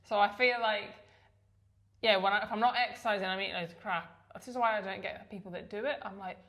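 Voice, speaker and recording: A woman's voice: medium pitch, quick pace, fairly bright tone. Chatty laughing woman. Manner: chatty, self-deprecating, laughs often. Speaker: podcast co-host. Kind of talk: casual chat.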